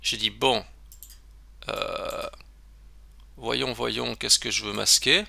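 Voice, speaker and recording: A man's voice: medium pitch, steady tone, drawn-out words, creaky, sharp tone, no echo. A man giving a casual screen-recorded web tutorial, chatty and self-interrupting, with lots of fillers.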